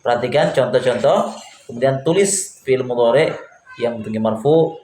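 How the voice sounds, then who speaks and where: A man's voice: medium pitch, normal speed, a little mellow. Man teaching grammar in an echoey classroom. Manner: quizzes students and repeats answers. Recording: echoey room, faint background hum.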